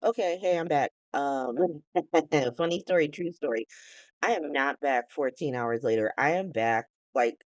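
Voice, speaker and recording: A woman in her late thirties hosting a podcast, chatting casually in a rambling, animated way that is full of swearing and laughs, and sounding tired. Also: low-pitched, a little slow, dry recording. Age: 30s. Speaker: podcast host. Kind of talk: casual chat recap.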